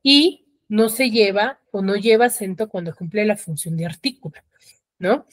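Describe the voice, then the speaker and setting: A woman's voice: medium pitch, expressive, moderate pace, dry recording, clean studio sound. A woman teacher giving an online grammar lesson, explaining step by step and often checking that students follow. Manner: explanatory, checks understanding with frequent tags. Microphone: video call.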